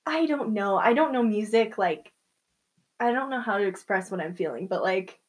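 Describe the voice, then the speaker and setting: A woman's voice: mid-range voice, animated, moderate pace. A young woman chatting casually as a co-host, giggling often and filling her talk with "like". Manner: giggly, chatty, many fillers. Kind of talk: casual chat.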